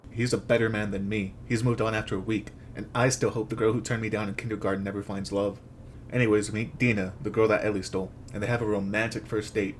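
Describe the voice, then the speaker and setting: Fast-talking man on a sarcastic comedy rant. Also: on the low side, level tone, a little hiss or hum. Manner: sarcastic, crude, slangy joking. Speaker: host. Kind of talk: comedic rant recap of a video game, scripted narration.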